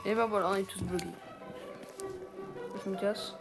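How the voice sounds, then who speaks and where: A young gaming video creator and player rambles casually through gameplay commentary, sounding exasperated and self-conscious. The voice is mid-range, steady in tone and at normal speed, with music behind it.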